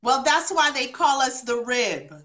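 A woman with a high, slightly bright voice and lively intonation speaks a little slowly. Born in London and raised partly in Jamaica and New York, she chats casually as a talk-show guest over a video call, earnest and repeating phrases for emphasis.

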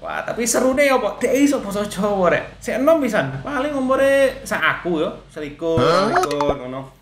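A man's voice: sits high, brisk. Teasing man in an echoey room. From Australia. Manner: animated and teasing, switching between languages. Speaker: YouTuber host. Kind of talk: playful video-call chat. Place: home room with desk, indoors. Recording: echoey room with background noise.

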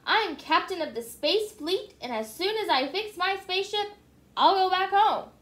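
A woman's voice: very high-pitched, animated, moderate pace, a bit bright, pitched above the performer's own voice. A woman reading a storybook aloud, voicing a boastful male toy space ranger who speaks in grand declarations. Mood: proud. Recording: echoey room.

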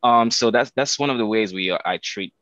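A man's voice: medium pitch, a little fast, a bit bright, no room sound. A young man from Nigeria, a podcast guest on a headset over a video call, upbeat and positive with many fillers. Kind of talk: casual conversational storytelling. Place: small room at home. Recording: dry, slightly dull headset audio.

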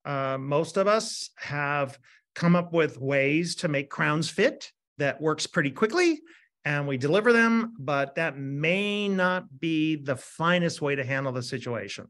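Animated dentist lecturing in a webinar. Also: male voice, on the high side, a little slow. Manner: animated, asks rhetorical "right?" often. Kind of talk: energetic lecture.

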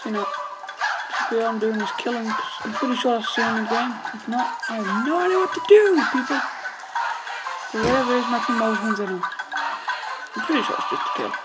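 A woman, chatting excitedly through a let's play and talking to the characters on screen. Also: a little high, fast talker, pauses often, rough recording. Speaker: gamer. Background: loud game music and battle sounds.

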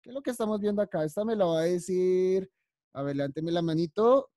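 A woman's voice: on the low side, a little fast, mellow, dry recording, studio quality. Encouraging woman teaching preschoolers. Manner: patient, encouraging, calls on children by name. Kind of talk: online class teaching vocabulary.

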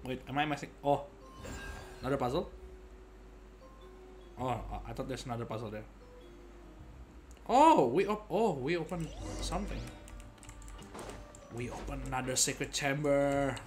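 A young game streamer gives animated, playful let's-play commentary in a slightly mellow, mid-range voice at a moderate pace, pausing often. He mutters and repeats phrases to himself from a gaming desk in an indoor room, with game music and keyboard clicks audible.

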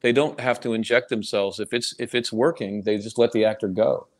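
A man's voice: fairly low pitch, steady tone, brisk. A man, an audiobook narrator, talking on a livestream in a thoughtful way, searching for words with stammering restarts. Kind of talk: casual livestream chat.

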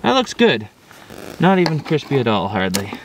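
A man's voice: medium pitch, wildly swooping pitch, normal speed, distant mic, background noise. A middle-aged man in a casual solo outdoor vlog, rambling easily to himself while he eats, recorded outdoors by a camera a few metres off. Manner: rambling, easygoing, talking to himself while eating. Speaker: outdoor vlogger. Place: outdoors on a frozen lakeshore in winter. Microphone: camera on a tripod a few metres away.

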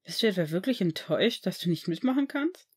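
A woman voicing a shy, quiet teenage boy wizard who talks in a hesitant, halting way in a fan-fiction audiobook. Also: fairly low pitch, expressive, breathy edge.

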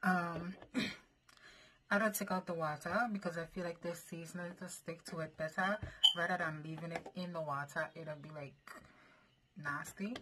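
A woman's voice: fairly low pitch, steady tone, normal speed. A young woman chatting casually to her viewers in a food-challenge vlog, calling them y'all. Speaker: vlogger. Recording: noisy home recording.

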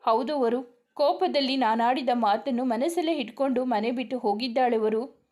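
A woman voicing a grieving young husband who talks in a slow, downcast way in an audio story. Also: a little high, a little mellow, lightly acted. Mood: despairing.

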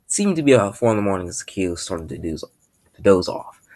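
A man's voice: low voice, sing-song, brisk, darkish tone. A man casually reading aloud his own story, in an offhand manner with frequent restarts.

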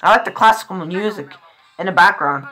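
A woman hosting a casual reaction video, excitable and slangy with plenty of swearing. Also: medium pitch, brisk. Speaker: reaction channel host.

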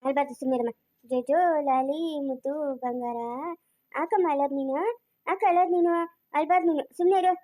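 Village drama role: a woman playing a fretful village woman with a rural Chikkaballapur Kannada accent, very high-pitched, rattling along fast, scolding. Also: mellow. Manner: scolding, exclaiming, repeating questions. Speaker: actor in a village family drama. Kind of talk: homemade village family drama.

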